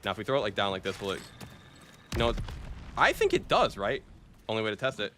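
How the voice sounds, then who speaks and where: A male gaming streamer talks over his match in a relaxed, chatty way. His voice sits somewhat low. He keeps it loose and casual, dropping slang as he plays. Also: fairly quick, a little hiss or hum. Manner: laid-back, chatty, says "bro" and "dude" often. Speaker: game streamer. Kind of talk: casual gameplay commentary.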